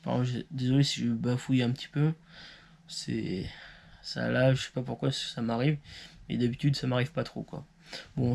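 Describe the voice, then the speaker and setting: A man's voice: mid-range voice, vocal fry, darkish tone. Hesitant man explaining a topic. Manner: hesitant, many fillers and self-corrections. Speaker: YouTube channel host. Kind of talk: informal educational talk, partly read.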